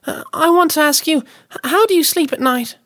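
A woman voicing an outraged young child who fires quick accusations. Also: sits high, a bit bright. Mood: accusing.

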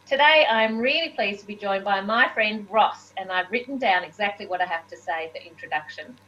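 Female interview host, bright forceful voice, chatty and informal, slightly dull lo-fi recording. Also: medium pitch, brisk.

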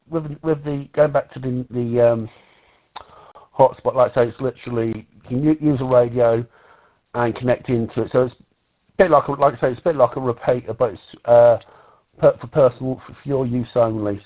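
A man from the UK chatting casually on a ham radio net, rambling with many restarts. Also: medium pitch. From United Kingdom. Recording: tinny radio audio.

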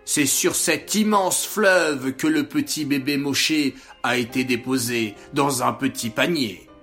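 A man's voice: medium pitch, slow, fairly bright tone, faint music behind. A man voicing a kind, cheerful schoolteacher in a children's story, in an encouraging tone. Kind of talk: storybook character voice.

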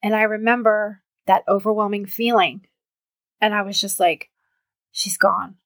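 A woman's voice: medium pitch, fairly even intonation, normal speed, fairly bright tone, no room sound. Woman guest, mid-range voice, dry close sound, chatty storyteller. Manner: chatty storyteller, many filler "like"s. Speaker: podcast guest. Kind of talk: casual chat.

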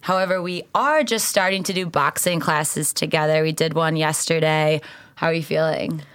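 A young woman hosts a podcast in a casual storytelling style. Her voice is slightly low and recorded close and dry, and she comes across as earnest and enthusiastic. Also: steady tone, normal speed, a bit bright, clean tone, dry recording. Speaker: podcast host and founder.

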